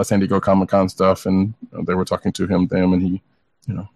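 Here a deep-voiced man comes through on a dry recording. He co-hosts a podcast, offering hesitant, hedging remarks in a laid-back conversation about comic book news.

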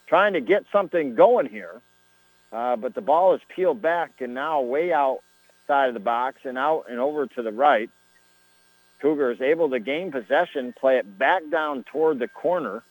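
A man calling a high school soccer match on AM radio in a folksy, conversational way. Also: no echo, rough recording. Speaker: play-by-play sports commentator.

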